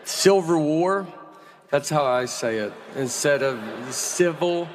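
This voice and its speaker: A man in his forties from the American South, doing a stand-up routine in a deadpan, slow, bemused storytelling manner. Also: mid-range voice, noisy background. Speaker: stand-up comedian. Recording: live theater with audience laughter.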